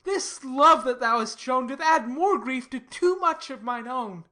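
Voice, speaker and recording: A woman plays a lovesick, brooding young nobleman in a dramatic Shakespearean reading, her delivery sighing and melodramatic. Her voice sits high and bright, expressive and a little slow, forceful and exaggerated, with an anguished, passionate mood.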